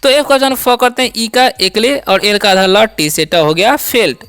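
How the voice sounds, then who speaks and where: An English teacher giving a slow spelling and pronunciation lesson, asking questions and answering them to drill each word. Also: mid-range voice, expressive, a bit bright, clean tone. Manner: spells words letter by letter slowly.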